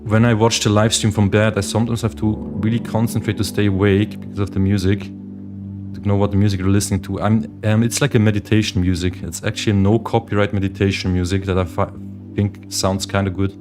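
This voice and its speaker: With meditation music in the background, a young day trader from Switzerland runs a casual livestream, reading viewers' chat questions aloud and chatting with them. He speaks briskly in a lowish voice with a flat delivery.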